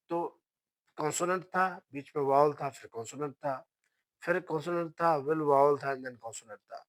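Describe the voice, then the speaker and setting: A man's voice: fairly high pitch, a bit bright, no echo. Patient man teaching with slides. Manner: patient, repeats points and checks "ठीक है?"; switches between Hindi and English. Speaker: phonetics teacher. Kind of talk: online lecture with slides.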